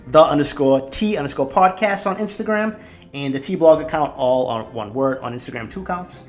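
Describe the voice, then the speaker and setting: A man's voice: a little high, animated, a little fast, soft background music. A man in his forties from Boston, hosting a solo podcast in a candid, reflective and profane way. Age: 40s. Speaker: podcast host.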